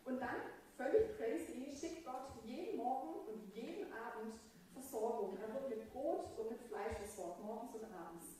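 A woman's voice: on the high side, animated, normal speed, hardly any pauses, warm tone, slight background noise. Woman preaching in an echoing church. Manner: earnest, conversational preaching with casual words. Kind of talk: sermon. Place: church hall. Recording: echoey hall, voice from a distance.

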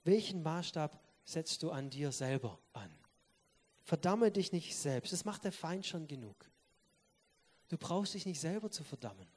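A man with a notably high voice preaches a sermon. He talks straight to his listeners, pressing hard on key words and then dropping to soft, quiet asides. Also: lively intonation, unhurried. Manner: emphatic, addresses listeners directly; swings between loud stress and quiet asides.

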